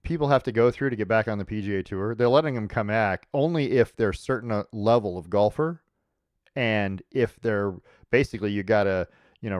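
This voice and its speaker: A man's voice: lowish voice, clean tone, no echo, studio quality. A man co-hosting a casual sports talk show, blunt and opinionated. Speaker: co-host.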